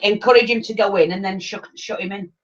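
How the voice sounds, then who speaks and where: A middle-aged woman with an English accent chatting casually and telling anecdotes in a blunt, animated way on a livestream. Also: medium pitch, fairly quick. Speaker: livestream host. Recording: dull lo-fi livestream audio.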